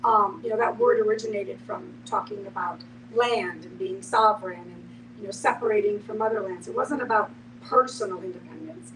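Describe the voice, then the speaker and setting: A woman with a mid-range voice speaks at normal speed as a podcast panelist, reflectively explaining her thoughts in a group discussion and often saying "you know." The recording is noisy, with a distant microphone and background hum.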